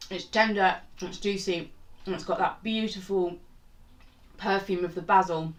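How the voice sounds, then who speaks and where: A woman's voice: mid-range voice, steady tone, measured pace, reverberant, far from the mic. A woman hosting a casual cooking demonstration in her small home kitchen, chatty and rambling with self-mocking asides. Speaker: home cook and channel host.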